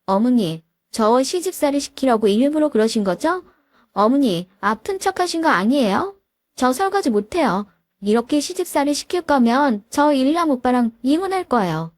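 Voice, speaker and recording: A woman voicing a spoiled young daughter-in-law with a sharp, whining voice. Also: sits high, animated, normal speed, no echo, studio quality, voice pushed up. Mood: whiny.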